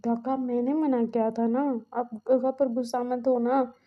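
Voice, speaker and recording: A woman's voice: on the high side, level tone, unhurried, phone-quality sound, lightly acted. Woman playing a pleading, teary little brother. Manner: pleading, whiny, on the edge of tears. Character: tearful pregnant young man, pleading little brother.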